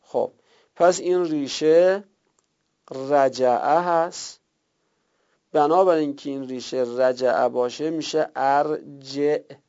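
A man teaching a class step by step, drawing out key terms slowly and checking his students' notes, heard on a dull lo-fi recording. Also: a little high, steady tone, a little mellow. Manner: slow drawn-out repetition of terms. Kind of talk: classroom lesson on Arabic word roots.

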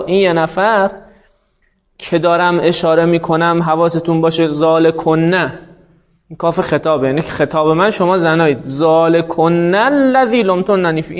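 Man, high-pitched voice, grammar teacher, explains step by step, drawls example words, dull lo-fi recording. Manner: explanatory, repeats and slowly spells out example words. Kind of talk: classroom grammar lesson.

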